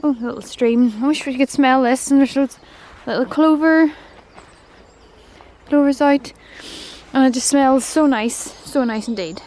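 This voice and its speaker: Here the same kind of scene plays out: a woman vlogger from Northern Ireland walks outdoors in a woodland park, chatting with casual enthusiasm into a handheld camera. Her high voice is a bit mellow and moves at a measured pace, though the recording quality is low.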